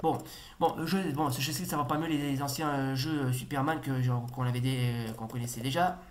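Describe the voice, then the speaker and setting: A man's voice: medium pitch, fairly even intonation, a little fast. A man casually commenting while he plays a retro video game, rambling with many fillers and repeated exclamations.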